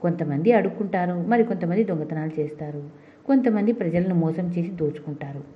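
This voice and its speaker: A woman's voice: fairly low pitch, brisk. Woman narrating a storybook, lo-fi. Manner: steady reading with small restarts. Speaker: audiobook narrator. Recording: dull lo-fi recording.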